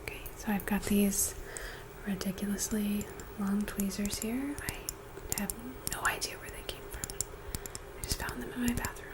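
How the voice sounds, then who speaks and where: A woman in a whispered role-play, speaking gently and intimately right in the listener's ear, guiding in an unhurried, soothing ASMR style. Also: mid-range voice, steady tone. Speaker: ASMR host playing a friend giving reiki.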